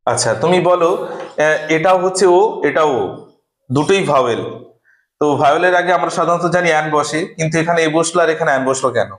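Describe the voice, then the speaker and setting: A man's voice: on the high side, fast talker, reverberant. A man teaching an English grammar lesson to a class, patiently asking students questions and then explaining the rule.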